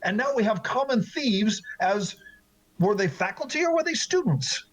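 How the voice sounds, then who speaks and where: A man's voice: high-pitched, big pitch swings, a little slow, husky, exaggerated voice, rough recording. A man doing an indignant young ex-student. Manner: indignant, holding back anger. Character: young male former student, angry but restrained.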